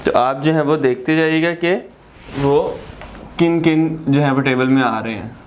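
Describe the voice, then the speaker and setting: A man with a Pakistani accent teaching a grammar lesson, explaining slowly, repeating words and asking rhetorical questions. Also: medium pitch, a little hiss or hum.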